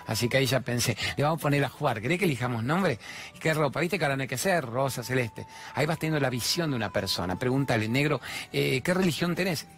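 Animated Rioplatense man riffing on couples. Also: medium pitch. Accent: Rioplatense Spanish. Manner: animated, acts out quoted voices, rhetorical questions. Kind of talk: stand-up style monologue on relationships.

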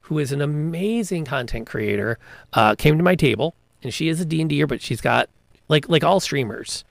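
Recorded with dry, studio-quality sound, a podcast co-host who works as a game master chats casually about tabletop gaming. He tells game stories with lots of enthusiasm and frequent restarts, in a slightly high, gravelly voice with lively intonation at normal speed.

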